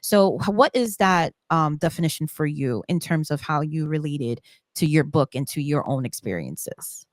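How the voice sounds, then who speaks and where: A woman's voice: deep voice, lively intonation, normal speed, no room sound. A woman hosting a conversational interview podcast, enthusiastic and affirming, often laughing as she talks. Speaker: podcast host.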